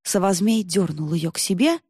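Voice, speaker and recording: A woman narrating an audiobook in an even, measured way. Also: on the low side, breathy edge, dry recording, studio quality. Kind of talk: scripted narration.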